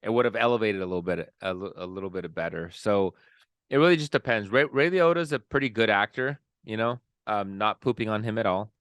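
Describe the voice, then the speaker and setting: A man's voice: on the low side, a little fast, a bit bright, smooth, dry recording, clean studio sound. A man co-hosting a podcast, chatting casually with playful exaggerated jokes. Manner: joking, laid-back, playful exaggeration. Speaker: podcast co-host. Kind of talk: casual chat.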